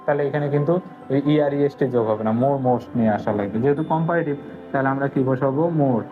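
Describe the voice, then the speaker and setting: A man giving a whiteboard grammar lesson, asking his students questions and answering them himself, slowly repeating key words. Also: medium pitch. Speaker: English grammar teacher. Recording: phone-like lo-fi audio with faint music.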